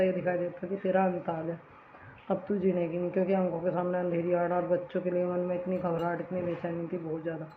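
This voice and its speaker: A woman's voice: fairly low pitch, slight background noise. A young village woman tells her story to the camera in a casual vlog. Her voice stays level and runs over the same points again and again. The sound comes through a tinny, phone-like channel in an echoey room at home. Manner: repetitive, earnest retelling in a flat, steady tone. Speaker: village vlogger.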